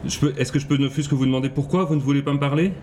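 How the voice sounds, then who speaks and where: A man's voice: mid-range voice, steady tone, very fast, a little mellow, slight background noise. A man, a reporter politely and insistently asking to speak with someone at her door. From Belgium. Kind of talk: documentary field reporting.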